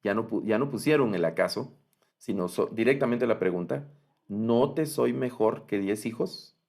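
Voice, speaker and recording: A man gives an online lesson on Biblical Hebrew in a low, gravelly voice. He explains patiently, repeats his points and checks in with his listeners. He reads the Hebrew phrases slowly and with emphasis. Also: a little mellow. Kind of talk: online lecture with screen sharing.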